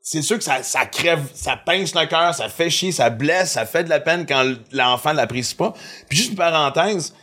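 Give me a Quebec French man in his fifties, an animated comedian chatting on a podcast. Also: a little high, moderate pace. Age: 50s. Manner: animated storyteller, acts out quoted lines. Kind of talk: casual chat.

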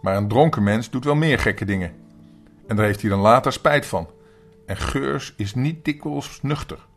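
A man's voice: mid-range voice, normal speed, faint music behind, pitched above the performer's own voice, lightly acted. A grandfather doing a sensible village boy. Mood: reasoning.

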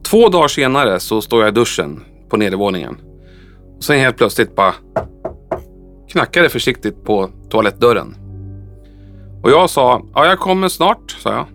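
A man's voice: lowish voice, big pitch swings, a bit bright, soft background music. Man in his fifties telling a story. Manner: unhurried, with frequent hesitations and acted-out quoted dialogue. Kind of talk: casual spoken storytelling.

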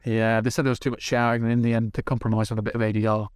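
Fast-talking man telling stories. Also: medium pitch, clean tone, no room sound, clean studio sound. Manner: animated, swearing, acts out dialogue. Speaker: TV director, podcast guest. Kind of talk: casual storytelling. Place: podcast studio.

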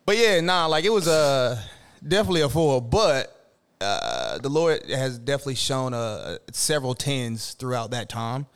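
A man's voice: medium pitch, lively intonation, normal speed, clear, resonant tone. Upbeat young man co-hosting a podcast. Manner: upbeat, easygoing, laughs often. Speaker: podcast co-host. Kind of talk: casual chat.

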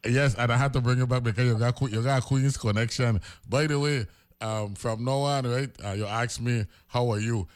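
A man hosting a political talk radio show, animated and rambling with many fillers. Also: medium pitch, normal speed.

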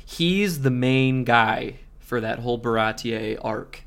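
A man's voice: medium pitch, slow, a bit bright, smooth. A man co-hosting a podcast in casual chat, easygoing, asking questions and nudging the talk along.

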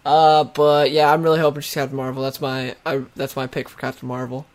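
A man's voice: mid-range voice, monotone, fairly quick. A man co-hosting a casual podcast, sharing opinions and reading news items aloud. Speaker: podcast co-host. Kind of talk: casual chat.

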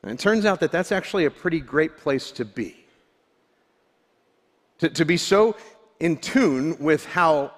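Guy preaching a sermon, slightly high voice, big echoey hall, candid and self-deprecating. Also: fairly bright tone. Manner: candid, self-deprecating storytelling with frequent restarts. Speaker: pastor. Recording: long hall reverb.

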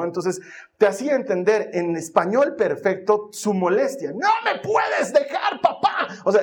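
High-voiced man preaching. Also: darkish tone. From Bolivia. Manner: storytelling, emphatic repetition. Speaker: pastor. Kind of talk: sermon.

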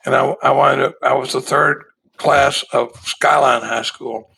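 A man, telling his story as an interview guest in a relaxed, folksy way with a gravelly, husky voice. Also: medium pitch, measured pace, slight background noise, low-quality recording. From Dallas, Texas. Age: 60s. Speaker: guest in recovery. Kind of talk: conversational storytelling.

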